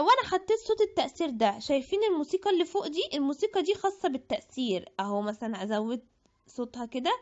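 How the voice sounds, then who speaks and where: A woman with an Egyptian Arabic accent giving a chatty app tutorial, thinking aloud and restarting her words. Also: high voice. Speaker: tutorial presenter. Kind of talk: screen-recorded app tutorial. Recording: dull lo-fi audio.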